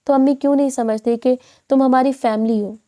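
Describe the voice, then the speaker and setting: A woman's voice: high voice, fairly even intonation, mellow, natural voice. A woman voicing an outspoken young bride who pleads with her mother in a reproachful tone. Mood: pleading.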